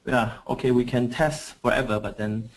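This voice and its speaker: A man from Singapore presents a coaching webinar at a mid-range pitch, speaking through a computer mic on an online call. He talks hesitantly, with frequent fillers and restarts, as he searches for his words. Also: steady tone, moderate pace. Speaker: coaching trainer.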